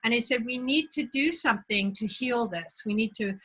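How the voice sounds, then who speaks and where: A woman from Belgium hosting a conversation, telling a personal story in a reflective, unhurried way. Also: fairly high pitch, sharp tone, husky, low-quality recording. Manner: reflective, unhurried, searching for words. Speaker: host.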